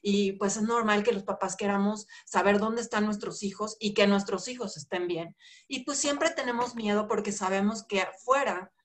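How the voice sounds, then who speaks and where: A woman's voice: medium pitch, moderate pace. Middle-aged Mexican woman hosting an interview. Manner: reflective, with fillers like "este" and "pues". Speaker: host. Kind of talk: casual interview talk.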